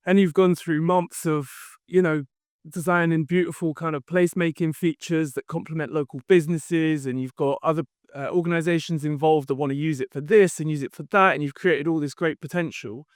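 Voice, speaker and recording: A podcast guest who founded a company talks about his career, answering interview questions in an easygoing, explanatory style with frequent fillers. He's from London, and his slightly high voice sounds smooth and resonant. It's a close, dry recording without room sound.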